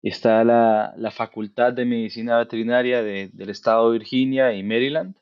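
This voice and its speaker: Man from Costa Rica, thirties, vet guest, relaxed and thoughtful, close dry sound, muffled lo-fi audio. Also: mid-range voice, normal speed, clean tone, dry recording. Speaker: veterinarian guest. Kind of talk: casual conversational interview.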